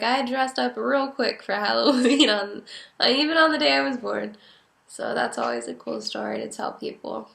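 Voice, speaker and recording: A woman's voice: on the high side, creaky, pushed and bright. A young woman telling her mother family stories in a casual, chatty, rambling way, often laughing. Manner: chatty, giggly, rambling with many fillers. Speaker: daughter speaking to her mother. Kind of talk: casual personal storytelling. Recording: roomy echo.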